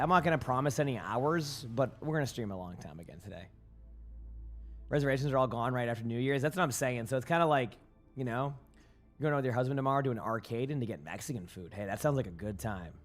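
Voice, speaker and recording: With a hoarse, medium-pitched voice, a male streamer talks informally with his live chat, rambling and frequently starting over.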